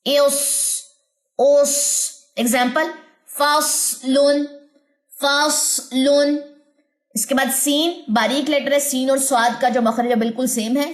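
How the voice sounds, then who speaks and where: A woman teaching tajweed online, explaining each point step by step and then slowly sounding out letters and example words. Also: on the high side.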